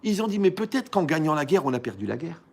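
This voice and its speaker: A man, a rabbi, giving a lively Torah lesson in colloquial, animated storytelling style, often asking his listeners rhetorical questions. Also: a little high, fast, vocal fry, slightly rough.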